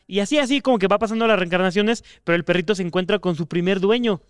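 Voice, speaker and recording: A man's voice: high voice, fast talker, clear, resonant tone, no room sound, clean studio sound. A young man with a Mexican Spanish accent, co-hosting a podcast and telling an emotional story in a rambling way during casual chat. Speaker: podcast co-host.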